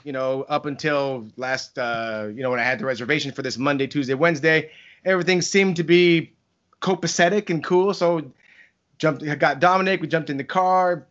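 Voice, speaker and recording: Higher-voiced man rambling through casual stories. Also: normal speed, fairly bright tone. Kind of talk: casual chat, anecdotal storytelling. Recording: dull lo-fi podcast audio.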